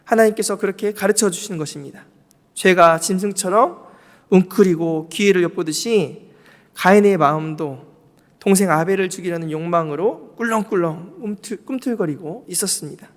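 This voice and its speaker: A man's voice: high-pitched, normal speed, big-room sound. A male pastor preaching a sermon, asking the congregation questions and answering them himself. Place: church sanctuary.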